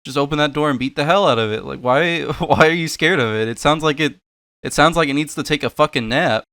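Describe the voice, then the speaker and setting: A man's voice: a little high, brisk, sharp tone, a little hiss or hum. A young man giving sarcastic, profane reaction commentary on paranormal videos, laughing and mocking as he goes. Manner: mocking, swears a lot, laughs at clips.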